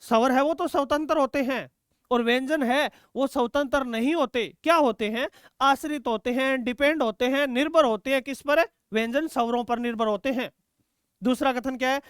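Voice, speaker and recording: A man's voice: very high-pitched, normal speed, a bit bright, clean tone, dry recording, clean studio sound. A male teacher taking students through exam quiz questions, asking questions and answering them himself and calling students "beta". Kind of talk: exam-prep quiz lesson.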